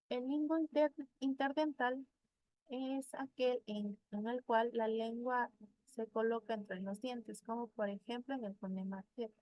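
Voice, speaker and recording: A woman's voice: on the high side, darkish tone, poor audio. A woman student giving a class presentation, methodically going through examples one by one.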